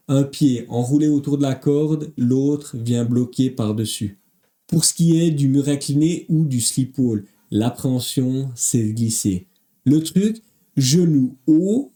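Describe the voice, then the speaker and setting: A man's voice: medium pitch, dark tone. A man coaching viewers through obstacle race training in a motivational voice-over, direct and upbeat. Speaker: fitness coach.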